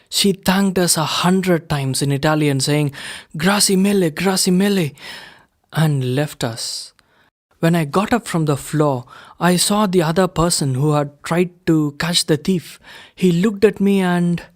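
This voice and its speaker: A man reading a first-person story aloud in a measured, unhurried way. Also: on the high side. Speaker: reader of a story.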